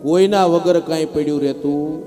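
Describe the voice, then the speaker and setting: A man preaching a devotional sermon as a lively storyteller who acts out the characters in his parable. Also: on the high side, normal speed, soft background music. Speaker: scripture reciter.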